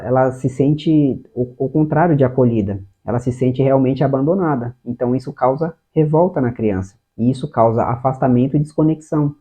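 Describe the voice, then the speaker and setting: A man's voice: medium pitch, mellow, slightly rough. A man with a Brazilian Portuguese accent giving an earnest explanatory talk on parenting, speaking straight to the viewer. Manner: earnest, addresses the viewer directly, acts out short quoted lines. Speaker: parenting educator. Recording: tinny phone-like sound.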